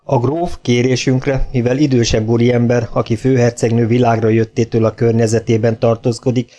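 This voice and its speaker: A man reading aloud voices a calm, courteous chief physician. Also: mid-range voice, close to an everyday voice. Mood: explaining. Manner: calm and courteous, easy smile. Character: affable older male chief physician.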